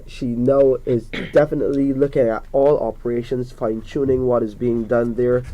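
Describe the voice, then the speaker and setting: A man's voice: medium pitch, mellow, low-quality recording. A man hosting a hospital radio talk show, greeting listeners and introducing guests in an upbeat way.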